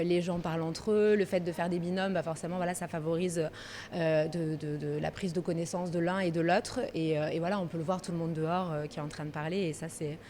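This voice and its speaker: Speaking in a lowish, slightly mellow voice, a Marseille woman in her thirties describes her work running a pastry workshop. The interview is casual; she's relaxed but a bit hesitant and thinks aloud.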